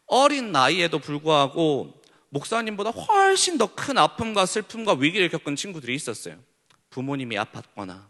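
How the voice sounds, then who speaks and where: Animated young male youth pastor preaching. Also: high-pitched. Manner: animated, asks the room questions. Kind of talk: sermon to teenagers. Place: church hall. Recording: long hall reverb.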